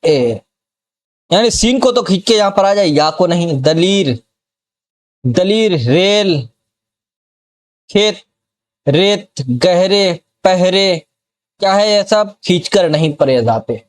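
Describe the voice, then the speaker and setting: Slow-paced, high-voiced male grammar teacher. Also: expressive. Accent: Bihar. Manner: slow, repeats example words and keeps checking the student follows. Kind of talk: classroom grammar lesson.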